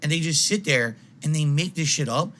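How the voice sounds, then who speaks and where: A man on a live stream in a wild, unhinged rant. His voice is forceful, sharp and somewhat high. He is exasperated and confrontational, hammering points over and over and swearing for emphasis. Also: moderate pace, a little hiss or hum. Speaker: video game live streamer.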